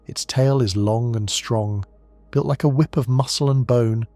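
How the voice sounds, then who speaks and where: A man delivering scripted nature documentary narration in a measured, descriptive storytelling manner. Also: mid-range voice, warm tone, dry recording, soft background music.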